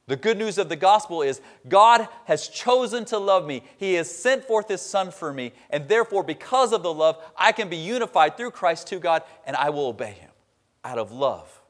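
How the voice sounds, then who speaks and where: A man preaching a sermon, stressing key words loudly and dropping to a hushed tone at the ends of points. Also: fairly high pitch. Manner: emphatic preaching, swinging between loud stresses and quiet drops. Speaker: pastor.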